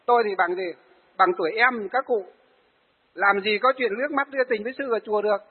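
A man in his forties, a Buddhist monk, preaching and acting out the people in his stories. His voice sits high for a man and sounds husky. The sound is narrow and phone-like, with a long hall reverb behind it. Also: fairly quick. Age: 40s. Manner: storytelling, acts out the people he tells of. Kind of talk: sermon.

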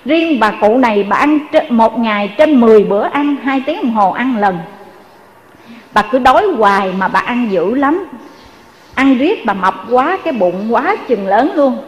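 A woman's voice: on the high side, expressive, measured pace, in a large hall, muffled recording. A woman with a Southern Vietnamese accent telling a Buddhist story in a sermon, earnestly addressing her listeners. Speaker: Buddhist dharma speaker.

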